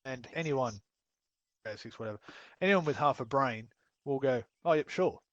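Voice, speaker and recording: Aussie male instructor, mid pitch, dry headset sound, sweary and blunt teaching style. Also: normal speed, a bit bright, dry recording, muffled recording. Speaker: training instructor. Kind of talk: casual voice-chat instruction.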